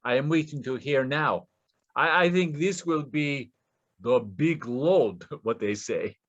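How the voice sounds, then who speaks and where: In a play reading, a male actor voices a desperate, nervous Russian scammer, stammering deferentially in broken English with a Russian accent, yet sounding eager and boastful. His mid-range voice moves slowly, and the recording's highs are cut off.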